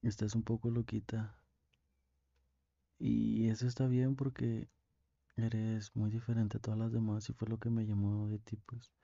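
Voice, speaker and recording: A young man with a Mexican accent playing a tender, lovesick boyfriend on a call in an ASMR role-play, speaking intimately with pauses. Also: lowish voice, level tone, vocal fry, mellow, no room sound, highs cut off. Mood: affectionate. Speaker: ASMR performer.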